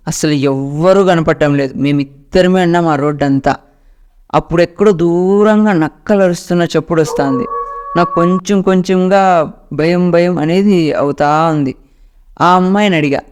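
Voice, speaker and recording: A man's voice: on the high side, a little mellow, clear, resonant tone. A man narrating a first-person ghost story in a dramatic storytelling manner.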